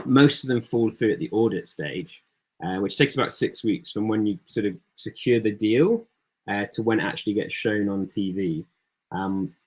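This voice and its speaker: A man with a fairly low voice walks through his slides on a video call. He talks in a relaxed way and leans on ums and uhs between points. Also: rough recording. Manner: relaxed, filler-heavy delivery. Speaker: startup founder giving a talk. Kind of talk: presentation with slides.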